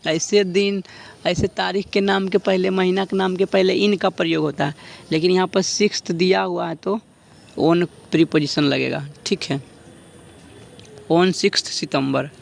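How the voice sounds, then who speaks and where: A man teaching an exam-prep grammar lesson, drawing out example sentences slowly as he dictates them. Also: high-pitched, steady tone, vocal fry.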